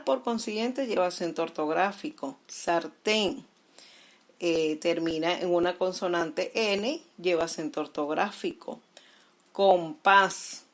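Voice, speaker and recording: Slow, deliberate woman teacher. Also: lowish voice. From Venezuela. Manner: slow, deliberate explaining, stressing syllables. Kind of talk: recorded language lesson.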